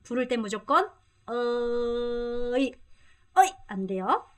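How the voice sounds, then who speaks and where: Middle-aged woman, high pitch, energetic online language tutor who repeats and drills phrases. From Korea. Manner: drills words with slow repetition, laughs often. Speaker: Vietnamese language teacher. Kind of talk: lively online language lesson.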